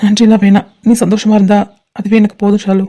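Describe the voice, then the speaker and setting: A woman voicing a kind young man in a fan-made cartoon, gently reassuring a crying friend. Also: mid-range voice, level tone, fast talker, a little hiss or hum, close to an everyday voice. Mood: gentle.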